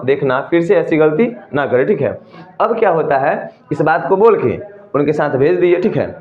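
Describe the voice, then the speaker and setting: Bihari-accented man teaching, echoey tinny sound. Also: fairly high pitch. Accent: Bihari Hindi. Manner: colloquial, asks and answers his own questions. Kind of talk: explaining a story to students.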